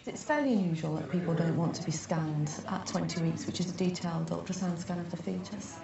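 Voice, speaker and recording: A female midwife interviewed about a patient, speaking in a measured, reflective way. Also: fairly low pitch, vocal fry, a crowd in the background. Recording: echoey distant lo-fi sound.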